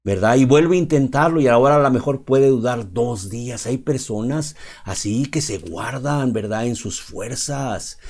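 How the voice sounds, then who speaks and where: Speaking loosely and conversationally, a Mexican preacher with a mid-range, darkish voice improvises his sermon. "¿Verdad?" comes up again and again as he checks in with listeners, and he stalls with "este."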